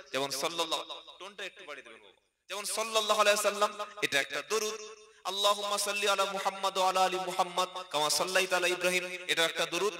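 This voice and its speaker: Bengali preacher, male, West Bengal accent; sharp, bright tone; echoey mic at a religious gathering. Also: sits high. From India. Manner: chanted Arabic verses between conversational asides to the crowd. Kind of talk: sermon. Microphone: PA microphone.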